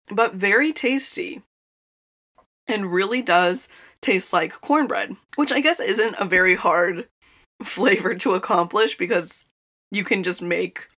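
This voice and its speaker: Bright-voiced young woman chatting inside a closet. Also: mid-range voice. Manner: chatty and rambling, laughs often. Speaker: podcast host. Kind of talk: casual chat. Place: inside a small closet in a childhood bedroom.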